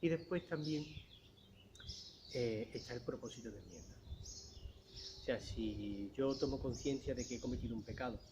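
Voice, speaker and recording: Man teaching catechism over loud noise. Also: medium pitch. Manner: conversational, explains with everyday examples, frequent rhetorical "¿no?". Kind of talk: catechism lesson. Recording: dull lo-fi recording with loud background noise.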